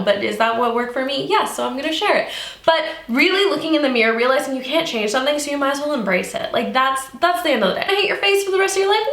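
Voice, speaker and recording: An upbeat young woman talks through a casual beauty tutorial in a fairly high voice. She is earnest and chatty, and the room gives her voice an echoey ring. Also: a bit bright. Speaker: makeup artist and beauty vlogger.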